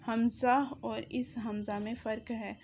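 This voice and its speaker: A woman teaches reading by slowly sounding out each syllable with careful emphasis. Her voice sits a little high and stays quite flat in melody. A faint hiss runs under the recording. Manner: drawn-out, emphatic pronunciation drills.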